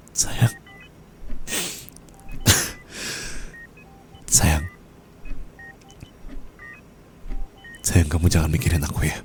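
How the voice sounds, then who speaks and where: A young man plays a dying husband in a whispered role-play, murmuring tender apologies close to the mic. The voice is warm and dark with a gravelly edge, and a faint hiss sits behind it. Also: mid-range voice, close to an everyday voice.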